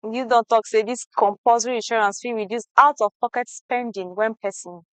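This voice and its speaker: A woman's voice: on the high side, steady tone, brisk, clear, resonant tone, no echo. A Nigerian woman interviewing conversationally in Nigerian Pidgin.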